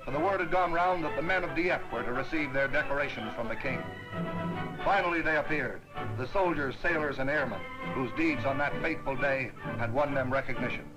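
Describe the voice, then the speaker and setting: A man narrating an old 1940s newsreel in a brisk, ceremonial announcer's manner. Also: mid-range voice, rough recording. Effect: old 1940s newsreel sound. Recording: narration over loud band music.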